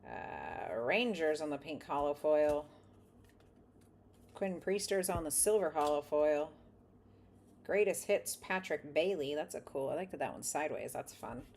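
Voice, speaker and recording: A woman's voice: low voice, lively intonation, creaky, darkish tone, slight background noise. Casual woman reading off a list of names. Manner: chatty, reads names off in a quick list. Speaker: card collector opening packs. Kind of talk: casual running commentary while sorting cards.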